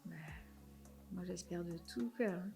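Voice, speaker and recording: A young adult woman from France, hosting a podcast in relaxed, talkative conversation with a guest. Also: on the low side, a little slow, vocal fry, faint music behind. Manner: chatty, self-described chatterbox. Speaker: podcast host. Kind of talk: casual chat.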